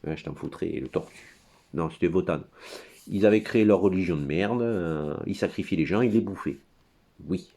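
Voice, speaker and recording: A man's voice: deep voice, normal speed, warm tone. A man giving a rambling, crude monologue at his computer, full of hesitations and digressions. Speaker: commentator.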